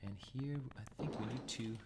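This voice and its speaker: With some background noise, a retro gaming channel host from Denmark talks at a moderate pace in a medium-pitched voice with a Danish accent. He gives live commentary while he plays, thinking aloud and chuckling at his own deaths.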